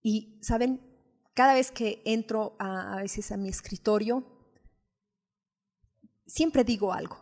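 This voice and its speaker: A woman's voice: mid-range voice, takes it slowly, long pauses, darkish tone. A woman preaching a conversational sermon, sharing personal stories and asking her listeners rhetorical questions. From Bolivia. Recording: hall reverb.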